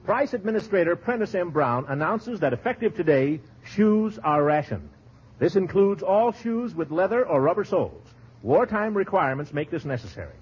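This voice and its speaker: A male radio announcer giving a formal wartime news bulletin, heard through an old 1940s broadcast recording, with an emphatic, crisp delivery. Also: high-pitched, very animated, normal speed. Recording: dull lo-fi vintage broadcast.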